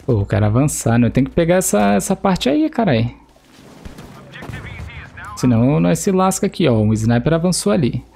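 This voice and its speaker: A man's voice: on the high side, big pitch swings, normal speed, vocal fry, long pauses, warm tone. A young Brazilian man with a Brazilian Portuguese accent, joking and swearing casually as he streams gameplay and talks to teammates. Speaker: gaming streamer. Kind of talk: casual live gameplay commentary. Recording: faint game noise behind.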